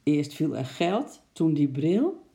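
A kindly zoo-keeper uncle from a children's storybook, as a woman reader puts him on. He talks calmly and thoughtfully in a low, gravelly voice. The tone is very dark and mellow. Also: slow pace, exaggerated voice.

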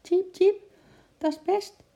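Woman voicing a squeaky chirping little animal. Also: steady tone, slow, gravelly, warm tone, lo-fi sound, full character voice. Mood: eager. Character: small cheerful chirping male animal. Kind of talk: storybook reading.

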